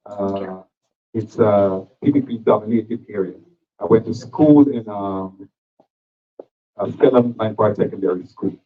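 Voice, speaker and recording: A man addresses a community meeting from the floor, pausing on fillers before pressing his point. His voice sits on the low side. The sound is thin and phone-like. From Guyana. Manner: hesitant with fillers, growing firm. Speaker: audience member at a town hall. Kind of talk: public comment at a community meeting.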